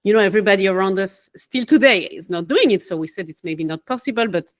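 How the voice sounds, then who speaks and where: A young woman from Switzerland, a life coach and podcast guest, talking in an animated, casual way with small laughs and self-corrections. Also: mid-range voice, quick pace. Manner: animated, laughs between phrases, loses her train of thought. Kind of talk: casual interview talk.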